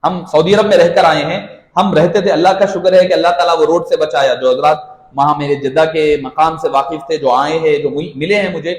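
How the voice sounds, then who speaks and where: Man, religious lecturer, high voice, teacherly, echoey hall. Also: steady tone, a little fast. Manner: teacherly, addresses the audience, explains with examples. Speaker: Islamic lecturer.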